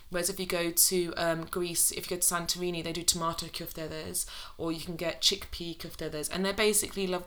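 A British woman chatting informally as an interview guest, with a soft R that sounds close to a w. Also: lowish voice. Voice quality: soft R, says w for r. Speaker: cookbook author interviewed as guest. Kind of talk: casual conversational interview.

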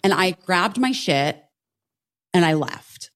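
A woman co-hosting a podcast, telling a story in casual chat, animated and swearing freely while acting out what others said. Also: fairly low pitch, slow pace. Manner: animated, swears a lot, acts out quotes. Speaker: podcast co-host.

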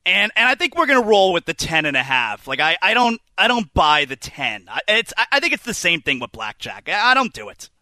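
Guy co-hosting sports radio, bright high voice, stumbles over words, dry studio. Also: big pitch swings, no echo. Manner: halting, repeats words, jokey. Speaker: fill-in co-host.

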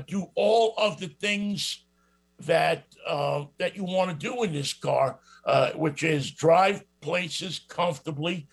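A middle-aged man with a New York accent hosts a radio show, reviewing a car casually and at length. His voice sits high with a fairly bright tone, and his talk rambles with plenty of fillers and restarts.

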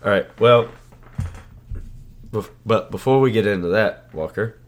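A man with a hoarse voice, getting over an illness, co-hosting a casual sports podcast full of banter. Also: lowish voice, measured pace.

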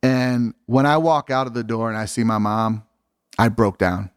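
A man's voice: medium pitch, fairly even intonation, normal speed, clear, resonant tone, no echo, clean studio sound. A man guest telling his story in a casual, candid way, swearing freely and using lots of fillers. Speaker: interview guest.

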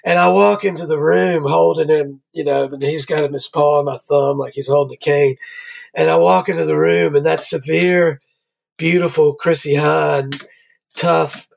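A man, a guest musician, rambling through an animated anecdote in casual conversation. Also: on the high side, normal speed, gravelly.

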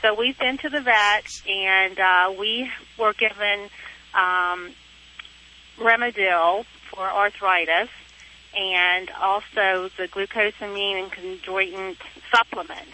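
A woman's voice: mid-range voice, steady tone, slow pace, sharp tone, a little hiss or hum. A woman from Pennsylvania calling in to a radio show from her car, heard over the phone, chatty and explaining in rambling detail. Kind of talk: casual call-in chat. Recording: dull, lo-fi phone line.

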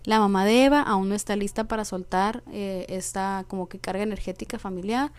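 A podcast host with a Mexican accent casually tells a personal story, using slangy speech and acting out the quoted dialogue. Her mid-range voice is clear and resonant, and she talks fairly quickly.

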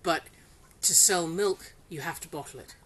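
A woman's voice: fairly low pitch, moderate pace, a bit bright, breathy edge, poor audio. A middle-aged woman who grew up in Singapore, talking casually about her farm in an interview with frequent fillers and laughter. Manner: chatty, laughs often, hesitant with fillers. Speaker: interviewee, farmer. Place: polytunnel on a farm. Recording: faint hiss, rain on tunnel.

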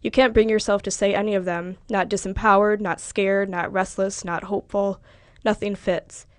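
A woman reads literary fiction aloud in a measured, even way. Her voice sits at a middle pitch. The recording is close and dry, with no room echo. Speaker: reader.

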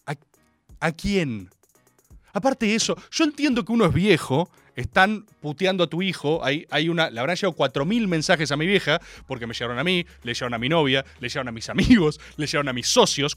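A man with an Argentine accent hosting a radio show, delivering an animated comic monologue full of outbursts and mock voices. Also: high voice, no room sound. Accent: Argentine Spanish. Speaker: radio host.

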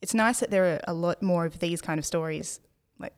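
A woman hosting a podcast interview in a measured, conversational way. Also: fairly low pitch, clear, resonant tone. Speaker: podcast host.

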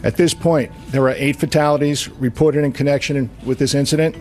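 A man's voice: a little high, steady tone, fairly quick, darkish tone. A man delivering a formal news briefing statement in an official register. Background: music.

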